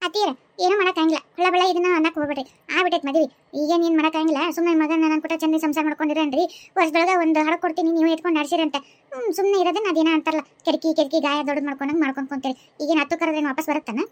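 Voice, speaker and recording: Sly young daughter-in-law for a cartoon, played by a woman: high, quick, smug, North Karnataka accent. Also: fairly even intonation, no echo, natural voice. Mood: teasing. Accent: North Karnataka Kannada. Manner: smug, teasing.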